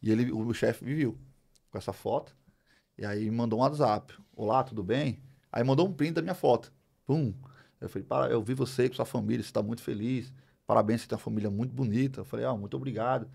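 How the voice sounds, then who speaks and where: A middle-aged Brazilian man telling a personal story as a podcast guest, animated, acting out the dialogue as he goes. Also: mid-range voice, quick pace, creaky, slightly rough. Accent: Brazilian Portuguese. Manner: animated, acts out dialogue, many fillers. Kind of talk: storytelling in a casual interview.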